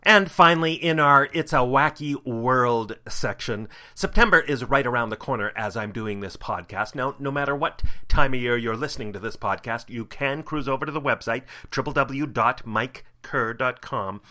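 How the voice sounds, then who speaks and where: A man's voice: mid-range voice, moderate pace, hardly any pauses, bright, forceful tone. A man hosting a podcast, reading a scripted monologue in an upbeat, playful way with punchy segment openers. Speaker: podcast host.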